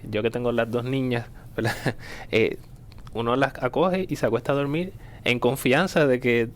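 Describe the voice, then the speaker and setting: A man's voice: mid-range voice, normal speed. A man co-hosting a radio talk, musing on faith in a loose way and often adding "right?" and short laughs. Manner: rambling, many fillers like ¿verdad?, chuckles. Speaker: radio co-host. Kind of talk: casual reflective radio talk.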